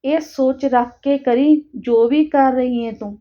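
A woman reading the part of Rashid, a calm, caring older man who asks questions and soothes others. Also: high-pitched, measured pace, lo-fi sound. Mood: concerned.

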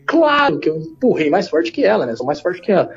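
A man tells a personal story in rapid, slangy, animated speech. His voice sits fairly high for a man. The recording is dull and lo-fi. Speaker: podcast guest. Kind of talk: casual storytelling.

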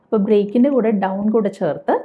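A woman's voice: medium pitch, fast. A woman teaching a spoken English lesson, patiently explaining and asking questions before answering them. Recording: tinny phone-like sound.

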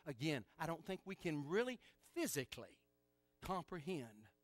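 A male pastor preaching a sermon in church, emphatic and animated, with joking asides. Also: a little high, normal speed, soft background music.

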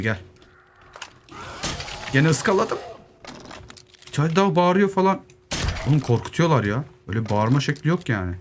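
A young gaming YouTuber narrates his solo gameplay in a lively, casual way, his voice at a medium pitch. He cracks jokes at the zombies and mumbles to himself as he loots. Behind him are keyboard clicks and faint noise.

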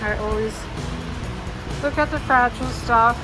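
In an unhurried, rather high voice, a thrift store reseller gives a chatty running commentary while browsing a large indoor warehouse-style thrift store for her vlog. She films the shelves with a handheld phone. Music plays in the background, and the audio quality is poor.

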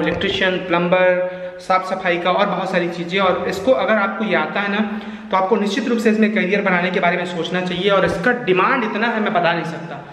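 In an echoey room, a man with a high, slightly bright voice vlogs with earnest explanations and repeats his points as he talks casually to the camera. The handheld camera, held at arm's length, records him in a bare house interior and outside, picking up faint noise.

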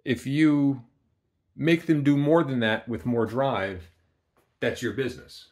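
Speaking slowly in a medium-pitched, darkish voice with fairly even intonation, an amplifier builder shows off equipment in a small workshop. He stays off camera and talks casually and plainly, frequently saying um.

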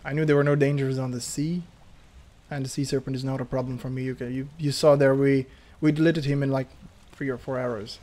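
A man giving excitable let's play commentary, laughing and talking to himself as he plays. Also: medium pitch, a little fast. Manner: excitable, laughs, talks to himself while playing. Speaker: gaming YouTuber. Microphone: headphones on, desk mic.

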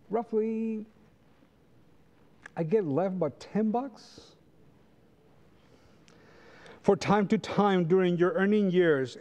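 A middle-aged Costa Rican man, a native Spanish speaker with a Costa Rican accent, teaches Sabbath school to a congregation from the front of a large church sanctuary, facing the pews. His voice is high-pitched and a little mellow, captured with lo-fi sound. He keeps the lesson conversational, posing rhetorical questions.

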